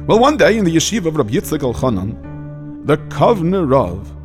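An actor playing an elderly, warm rabbi grandfather who tells stories and teaches his grandchildren, mixing in Yiddish and Hebrew words. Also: a little high, big pitch swings, moderate pace, music in the background. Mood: storytelling. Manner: gentle storytelling, sprinkled with Yiddish and Hebrew words. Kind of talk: audio drama for children.

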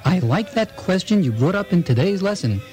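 A man's voice: high-pitched, big pitch swings, normal speed, darkish tone, soft background music. An actor playing a respected male rabbi and teacher who speaks earnestly and solemnly.

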